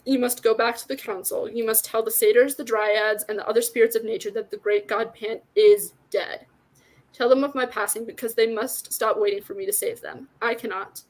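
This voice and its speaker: A woman reading from a novel voices an ancient god of the wild, tender and forlorn. She speaks solemnly and gently, slowly, as though he were fading away, in a slightly high voice over poor audio.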